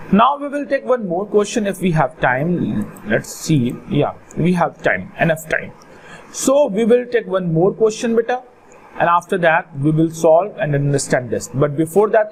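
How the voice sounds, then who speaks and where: A man with a North Indian accent teaches a lesson in a somewhat high voice. He repeats key phrases and checks in with questions, slipping in Hindi words. There is some noise behind him. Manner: repeats phrases, addresses student affectionately, mixes in Hindi words. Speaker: accountancy teacher. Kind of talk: instructional lesson with call-and-response questions. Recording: clearly noisy background.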